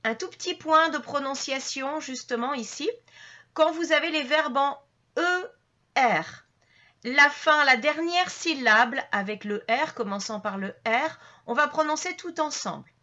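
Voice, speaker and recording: A woman gives a grammar lesson in a bright, fairly high voice. She explains patiently and step by step, often pausing on fillers and restarting her sentences. The recording sounds a little dull and lo-fi. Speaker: French teacher.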